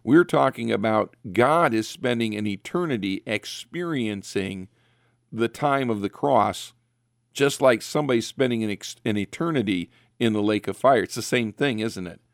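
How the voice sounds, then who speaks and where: A man's voice: fairly low pitch, moderate pace, creaky, dry recording, clean studio sound. A man earnestly explaining theology on a talk show, repeating phrases for emphasis. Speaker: guest Bible teacher.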